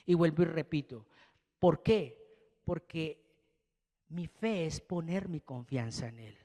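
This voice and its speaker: A man preaching a sermon, asking rhetorical questions and swinging between emphatic rises and quiet drops. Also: a little high, slow, in a large hall.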